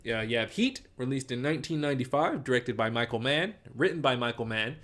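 A man's voice: medium pitch, animated, brisk, a bit bright. A man co-hosting a casual movie podcast, rambling and swearing freely as he weighs up films. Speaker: podcast co-host. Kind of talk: casual movie bracket chat.

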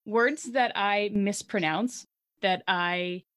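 This Canadian-accented podcast co-host speaks very slowly in a medium-pitched, slightly bright voice. She's giggly and chatty in a casual conversation, laughs frequently, and leans heavily on "like."

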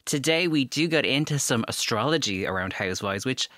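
A man's voice: mid-range voice, lively intonation, brisk, bright, forceful tone, no room sound, studio quality. An Irish man hosting a podcast, introducing the show and chatting casually with his guest. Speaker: podcast host.

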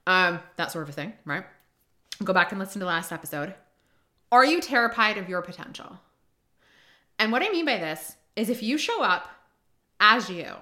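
A woman's voice: mid-range voice, pushed and bright. A woman from Rhode Island hosting a podcast, riffing emphatically in a casual monologue with lots of asides. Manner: emphatic, repeats key lines, riffs with many asides. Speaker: podcast host.

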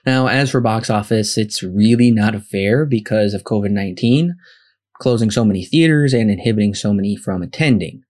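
Male podcast host, slightly low voice, scripted movie-facts narration, methodical delivery of rankings and numbers. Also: normal speed, a little mellow.

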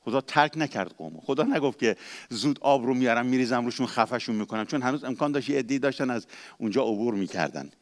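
Man, pastor, sermon, mid-pitched voice, impassioned, hushed to loud and emphatic. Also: animated. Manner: acts out quoted speech in dramatic voices.

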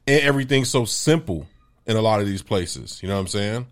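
A man's voice: on the low side, animated, fairly quick. A young man co-hosting a podcast, chatting casually in a slangy, joking way. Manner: slangy, joking, puts on voices for laughs. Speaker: podcast co-host. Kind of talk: casual chat.

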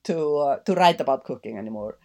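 A woman's voice: a bass voice, animated, brisk, mellow. A middle-aged woman from Iceland with an Icelandic accent, answering interview questions thoughtfully, with many fillers and restarts. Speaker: guest. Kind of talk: podcast interview conversation.

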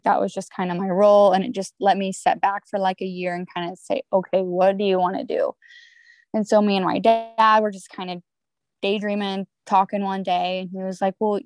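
A woman's voice: mid-range voice, a little mellow, no room sound. A young adult woman, a podcast guest, talking casually and rambling with many fillers. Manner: rambling, lots of "like" and restarts. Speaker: guest, entrepreneur. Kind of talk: casual interview chat.

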